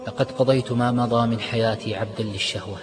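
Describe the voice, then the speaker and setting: A man doing a calm, resolute young man. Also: mid-range voice, fast, close to an everyday voice. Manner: calm, steady.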